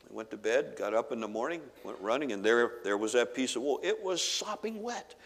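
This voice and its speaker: A pastor preaching a sermon to his congregation, retelling a Bible story with animated, acted-out dialogue. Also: medium pitch, brisk. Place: church sanctuary. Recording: long reverb of a large hall.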